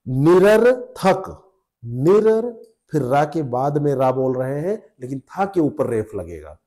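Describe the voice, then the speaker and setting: A man's voice: mid-range voice, animated, moderate pace, dark tone. A man teaching spelling rules to exam students, repeating each rule patiently and checking with the class. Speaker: Hindi exam tutor.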